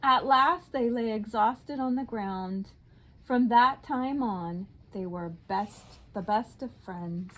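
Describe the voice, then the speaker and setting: A woman teacher reading a picture book aloud to her class in a slow, expressive storyteller voice that drops soft on the tag lines. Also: on the high side.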